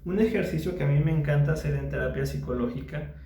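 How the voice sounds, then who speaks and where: A man's voice: a little high, fast talker, dark tone, echoey room. A man, a psychologist, teaching a mindfulness lesson patiently, repeating his phrases and checking in with the listener by asking small questions.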